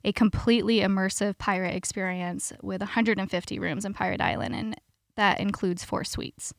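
A woman's voice: mid-range voice, fairly even intonation, normal speed, vocal fry, dry recording, studio quality. A woman, a PR manager guesting on a podcast, bubbly and promotional as she describes upcoming events. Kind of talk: casual interview.

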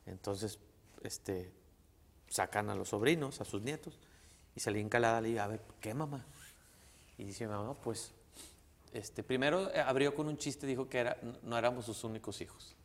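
A man's voice: mid-range voice, normal speed. A middle-aged man with a Mexican accent, a comedian telling a family story in slangy, crude, rambling talk full of restarts. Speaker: guest comedian. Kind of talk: casual storytelling. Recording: long reverb.

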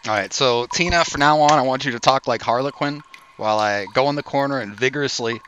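A man improvising a comedy sketch, exasperated and deadpan. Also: medium pitch, fast, lo-fi sound. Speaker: comedy podcast co-host.

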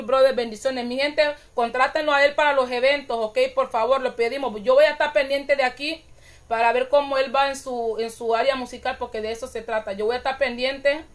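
A woman hosts a casual live stream, speaking in a high voice. She is animated and chatty, and she laughs at her own stumbles as she reads comments to her viewers. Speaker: channel host reading live comments.

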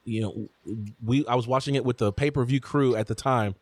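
A man's voice: mid-range voice, brisk, dry recording. Chatty male sports podcast host. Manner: animated, talks through stories with restarts. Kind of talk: casual sports chat.

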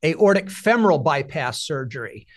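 A male podcast host telling a story bluntly, with profanity and animated emphasis. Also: on the high side, normal speed. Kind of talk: conversational podcast interview.

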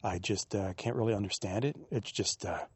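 A man with a low, raspy voice thinks aloud in a soft, musing monologue as he walks a quiet trail. He speaks into a handheld digital recorder held close, and the sound stays dry with no room around it. The tone is unhurried and reflective. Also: no echo. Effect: captured on a handheld digital recorder. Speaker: podcast host. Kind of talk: reflective solo monologue on a walk. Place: outdoors on a quiet wooded trail in a state park. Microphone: handheld digital recorder without windscreen.

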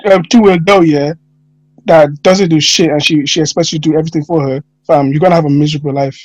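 A young man with a London urban accent and a notably high voice for a male. He talks casually and in slang, recorded dry with little room sound. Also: fairly even intonation, quick pace, a little mellow, dry recording, poor audio. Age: young adult.

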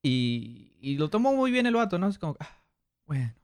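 A man's voice: on the high side, moderate pace, smooth, no echo, studio quality. A man with a northern Mexican accent chatting casually as a podcast host, telling anecdotes in street slang and acting out what people said. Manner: animated retelling with acted-out quotes and street slang.

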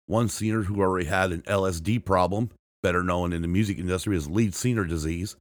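A man with a lowish voice reads a band's history for his podcast, recorded close and dry with no room sound. He often trips over words and restarts them, and he marks every quotation aloud. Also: dry recording. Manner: reads from a script with frequent restarts and self-corrections; marks quotes aloud with "and I quote" and "end quote". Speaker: podcast host. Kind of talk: read-aloud music history narration.

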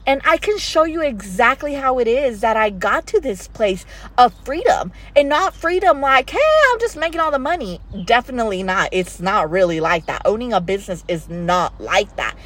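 A woman's voice: medium pitch, moderate pace, fairly bright tone. A middle-aged woman hosting a motivational faith podcast, speaking earnestly and preachily and often checking in with "right?". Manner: earnest, preachy, repeats phrases and asks "right?". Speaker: podcast host.

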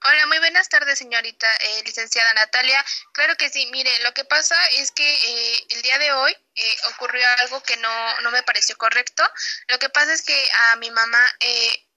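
Woman playing concerned Mexican daughter, high forceful voice, polite and earnest amateur role-play. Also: steady tone, normal speed, poor audio. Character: dutiful, concerned adult daughter.

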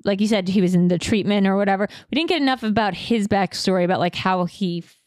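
A woman's voice: medium pitch, quick pace, darkish tone, no echo, clean studio sound. Chatty woman, casual movie review. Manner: chatty, many fillers, acts out quotes. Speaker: podcast co-host.

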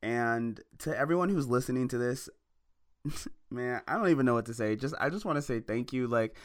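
At a normal speed and medium pitch, a twenty-something independent musician launches his podcast by lecturing listeners with motivational lines he repeats for emphasis. He calls them "y'all" and "baby."

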